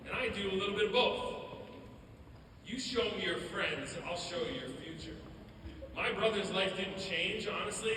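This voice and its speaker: Man speaking in an echoey auditorium. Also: on the high side. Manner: storytelling, animated. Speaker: motivational speaker. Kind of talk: school assembly speech. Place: school auditorium. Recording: echoey hall from far off, background noise.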